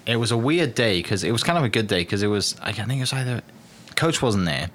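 A man in relaxed casual chat, telling a golf story in an unhurried way. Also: lowish voice.

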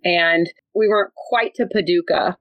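A woman's voice: on the low side, a little slow, no room sound, rough recording. A woman guest telling a road trip story in a chatty way, often laughing and saying "like". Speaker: podcast guest. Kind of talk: casual storytelling.

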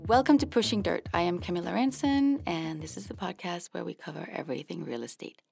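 A woman hosting a real estate podcast, gushing and excitable, quick to laugh. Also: lowish voice, vocal fry, husky, faint music behind. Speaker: podcast host. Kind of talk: casual podcast interview.

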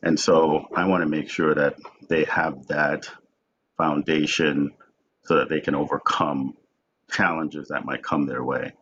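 A man's voice: extremely low pitch, little pitch movement, a little slow, a bit bright, slight background noise. A man in his forties from Jamaica, speaking as a guest in a conversational interview, reflective and often repeating words as he starts a thought. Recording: dull lo-fi sound.

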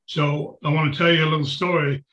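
A man's voice: on the high side, little pitch movement, brisk, fairly bright tone, muffled recording. A man on a video call, explaining a legal process as a guest, his audio glitching, freezing and cutting out. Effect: glitchy audio that freezes and cuts out.

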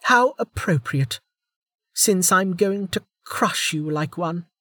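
A man puts on a raised voice for a fierce masked woman fugitive in a storybook, pitched well above his own. She is cold, snappish and threatening, the dry sound close and clean. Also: lively intonation, takes it slowly, bright, forceful tone, no room sound, heavily acted. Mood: furious. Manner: snappish and menacing.

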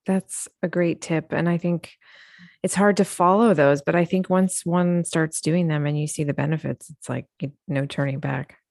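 A woman in her forties hosting a running podcast and coaching athletes, speaking in a friendly, measured way. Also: deep voice, steady tone, gravelly, a little mellow, no echo, clean studio sound. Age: 40s. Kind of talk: casual podcast interview.

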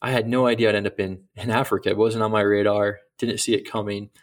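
A man's voice: on the low side, level tone, quick pace. A middle-aged man speaking as a missionary guest in an interview, earnest and reflective, often restarting his sentences. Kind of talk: casual interview talk.

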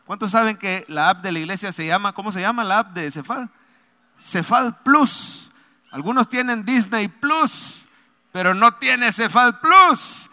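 High, bright-voiced preaching pastor, man. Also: measured pace. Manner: preaching with call-and-response to the congregation; swings between loud emphatic lines and soft low asides. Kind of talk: sermon. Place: church sanctuary. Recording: long reverb of a large hall.

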